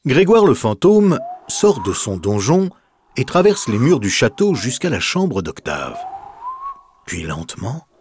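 A man reading a children's picture book aloud in an expressive, deliberate way. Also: medium pitch, a little hiss or hum. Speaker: storyteller.

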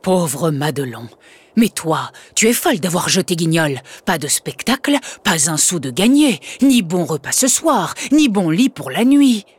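A woman's voice: a little high, sing-song, unhurried, fairly bright tone, husky, voice pushed up, exaggerated voice. A woman voicing a weary, worried father who scolds in exasperation in a storybook reading. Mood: exasperated.

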